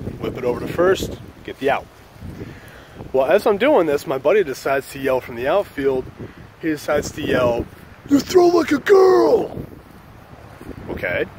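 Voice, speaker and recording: A man's voice: medium pitch, noisy background. A man hosting his own channel, telling a story in a loose, joking, profane way. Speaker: channel host. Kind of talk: casual storytelling vlog.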